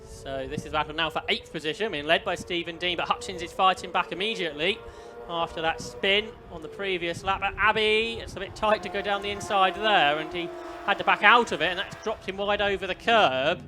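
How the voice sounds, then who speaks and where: Man commentating on motorsport, higher-pitched voice. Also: fairly even intonation, a little fast, music in the background. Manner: follows the action play by play, posing questions. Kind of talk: live race commentary.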